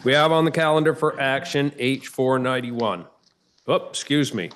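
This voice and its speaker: Man presiding briskly over a senate. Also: mid-range voice, fairly bright tone, slight background noise. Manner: brisk, routine procedural phrasing. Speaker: presiding officer of a state senate. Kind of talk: formal parliamentary procedure. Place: legislative chamber.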